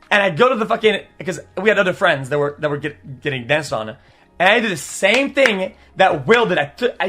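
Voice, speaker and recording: Young guy streamer telling a story, high sharp voice, swears a lot, stumbles over his words. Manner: rambling, profane, repeats words, animated bursts. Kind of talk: casual storytelling to chat.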